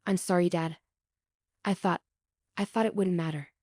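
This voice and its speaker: A woman voicing a guilty young adult son who speaks quietly and apologetically. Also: lowish voice, fairly even intonation, normal speed, dry recording, studio quality, close to an everyday voice. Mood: apologetic.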